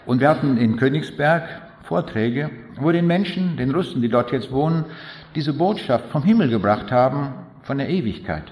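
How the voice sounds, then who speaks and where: Older preacher in an echoey hall. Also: male voice, mid-range voice, lively intonation, normal speed, darkish tone. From East Prussia. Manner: fervent, rising to emphatic appeals, long spoken lists. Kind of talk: sermon. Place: large hall.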